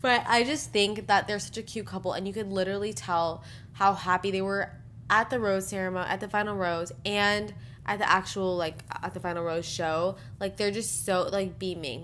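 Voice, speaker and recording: A young woman chatting casually as a podcast co-host, blunt and giggly, her words running on with lots of fillers. Her pitch sits in a middle range for a woman. A faint low rumble hums under the recording. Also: fairly even intonation, a little fast, a bit bright. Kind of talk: casual chat about a reality dating show.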